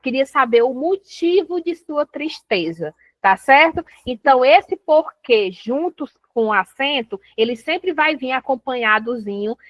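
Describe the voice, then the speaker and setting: A woman's voice: high voice, lively intonation, a little slow, dry recording. A woman teacher gives a casual grammar revision lesson, often checking in with "tá certo?" and "né?". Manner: chatty, repeats "tá certo?" and "né?" often.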